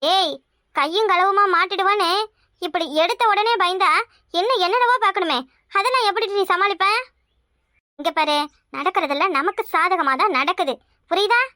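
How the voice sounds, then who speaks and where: A brash, scheming village mother, played by a woman, in a cartoon, scolding and coaxing her daughter in a Kanyakumari Tamil accent. Her voice is pitched very high and sounds sharp and bright. It is recorded close and dry. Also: normal speed, pauses often, no room sound. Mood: bossy. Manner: loud, scolding yet doting.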